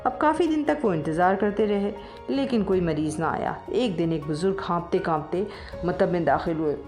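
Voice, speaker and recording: A woman narrating a comic story in a lively storytelling manner. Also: fairly low pitch, soft background music.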